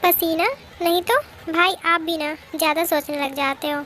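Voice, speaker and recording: A woman's voice: very high-pitched, steady tone, moderate pace, a bit bright, a little hiss or hum. A woman voicing a timid, easily frightened young woman who pleads and mutters to herself in a fan-made drama dub. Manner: anxious, pleading, talking to herself.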